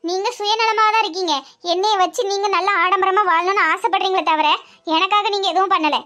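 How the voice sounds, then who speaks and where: A woman's voice: extremely high pitch, fairly even intonation, brisk, sharp tone. A woman voicing an earnest young bride standing up to her greedy mother, with a Tirunelveli Tamil accent. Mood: defiant. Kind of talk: cartoon comedy voice acting.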